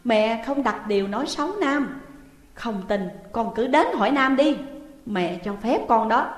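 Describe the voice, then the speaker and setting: A woman's voice: fairly high pitch, a little slow, natural voice. A woman reading an audiobook, voicing a firm, protective middle-aged mother who admonishes her daughter. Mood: stern. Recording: echoey room with long reverb.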